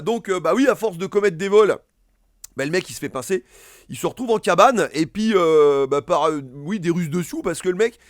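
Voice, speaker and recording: A man's voice: sits high, no room sound, studio quality. A man casually reviewing films and series, rambling with many fillers and restarts. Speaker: film reviewer. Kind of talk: casual film review monologue.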